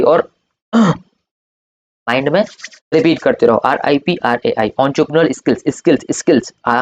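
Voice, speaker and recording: A young man teaching an exam coaching lecture, drilling points by loud repetition in a coaxing, informal way, his throat strained from shouting. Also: fairly high pitch, muffled recording. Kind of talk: Hindi-English coaching lecture.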